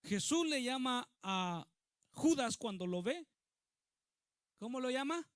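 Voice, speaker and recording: A man's voice: extremely high pitch, expressive, slow pace, no room sound, clean studio sound. A male pastor preaching a sermon with emphasis, often putting questions to the congregation.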